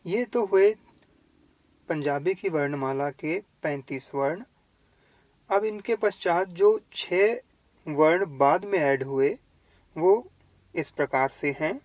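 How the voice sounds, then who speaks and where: A man's voice: on the high side, takes it slowly, long pauses, no room sound. A man teaching a beginner language lesson, patiently reading out letters one by one and stressing each sound with care. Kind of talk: slow spoken language lesson.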